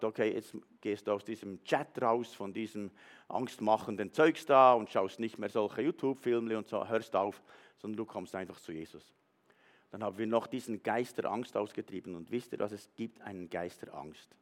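A man's voice: fairly low pitch, normal speed. A man preaching a sermon, retelling a story with animation and speaking straight to the congregation. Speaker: pastor.

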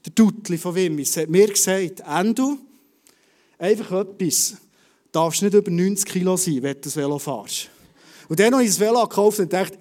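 A high-voiced man with a Swiss German accent, giving a casual, conversational sermon to his church. He swings between loud bursts and quiet, hushed asides. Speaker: preacher. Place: church service.

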